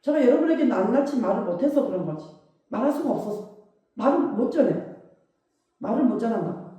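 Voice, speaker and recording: A woman's voice: on the high side, expressive, brisk, mellow, far from the mic. Emphatic woman pastor preaching in echoey hall. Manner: emphatic preaching with rhetorical questions. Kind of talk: sermon. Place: church sanctuary.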